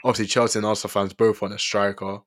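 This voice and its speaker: A man's voice: on the low side, flat delivery, rapid-fire, fairly bright tone. A young man with a London accent, hosting a casual football discussion in slangy, repetitive phrasing. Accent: London, urban slang. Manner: slangy, repeats himself. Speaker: football podcast host.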